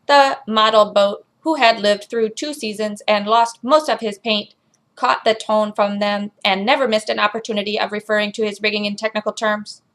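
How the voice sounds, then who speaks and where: A woman's voice: medium pitch, fairly even intonation, moderate pace, fairly bright tone, natural voice. A woman voicing a robot that reads a children's storybook aloud in a robotic delivery. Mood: mechanical, measured. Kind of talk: scripted storybook narration.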